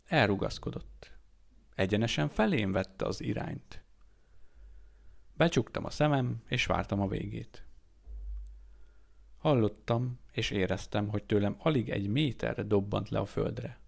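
Low, gravelly male audiobook reader. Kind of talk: amateur audiobook narration.

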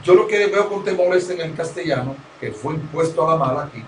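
A man's voice: a little high, a little fast, slight background noise. Man, Dominican accent, broadcaster, lecturing and emphatic, echoey room. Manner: emphatic, lecturing, repeats key phrases. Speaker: radio broadcaster, interview guest. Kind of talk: conversational interview, instructive. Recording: roomy, distant mic.

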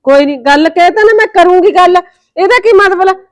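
An actress playing a feisty, sharp-tongued mother in a Punjabi short film, snapping back in a quarrel, with a Punjabi accent. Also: high-pitched, expressive, fairly quick, no echo, clean studio sound. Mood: indignant. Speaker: mother of Reet.

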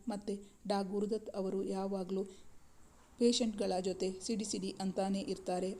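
A woman voicing a young woman doctor who speaks in a pleading, tearful, halting way. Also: mid-range voice, warm tone, lightly acted.

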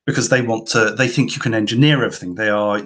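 A man hosting a casual discussion about art, making his points forcefully and emphatically. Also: lowish voice, steady tone, fast.

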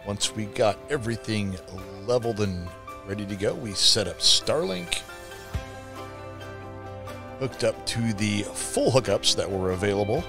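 A middle-aged man from California vlogging casually from an outdoor lakeside campsite, talking in a relaxed, rambling way and correcting himself as he goes. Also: on the low side, measured pace, long pauses. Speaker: camping vlogger. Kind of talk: casual travel vlog. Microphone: camera at arm's length. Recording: music playing under the voice.

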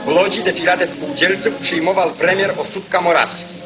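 A man's voice: high voice, fairly even intonation, a little fast. Man narrating an old newsreel, lo-fi. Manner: solemn, official delivery. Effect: old newsreel sound. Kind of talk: formal scripted newsreel narration. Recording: dull lo-fi 1940s newsreel soundtrack with music.

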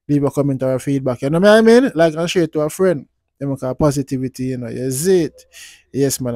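A Jamaican man with a slightly high voice hosts a music commentary channel. He talks casually in Rasta speech, mixing Patois, blessings and repeated affirming tags as he addresses his viewers. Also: mellow. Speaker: YouTube channel host.

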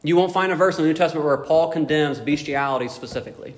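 A man's voice: fairly high pitch, fast. A man preaching a sermon as pastor, emphatic and full of rhetorical questions. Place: church sanctuary. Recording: echoey hall reverb.

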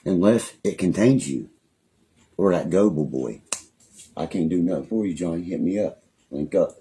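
A man's voice: sits low, animated, normal speed, dark tone, slight background noise. A young man with a West Virginian accent, ranting angrily and threatening, swearing constantly on a phone live stream at home. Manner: angry, rambling, threatening, heavy swearing. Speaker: livestreamer. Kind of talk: profane live-stream rant. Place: small room at home, indoors.

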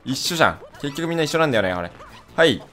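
A young man giving casual, excitable let's-play commentary, blurting quick reactions and rough, playful jabs. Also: mid-range voice. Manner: rough casual talk, playful mock scolding. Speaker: gaming video host.

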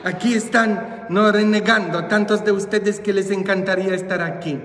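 A man's voice: high voice, steady tone, moderate pace, slight background noise. A male priest preaching at a church retreat, joking and teasing the congregation as he talks. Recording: echoey church from far off.

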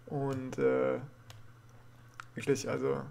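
A man's voice: mid-range voice, completely flat delivery, very slow, creaky, a little mellow. A young man doing confrontational reaction commentary, indignant and swearing as he addresses a rival. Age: young adult. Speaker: reaction video host. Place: small room at home.

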